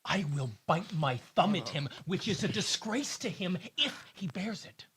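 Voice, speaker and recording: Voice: mid-range voice, lively intonation, normal speed, fairly bright tone, slightly rough. Reader playing a boastful young servant. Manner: hesitant, with filler sounds. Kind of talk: amateur script reading.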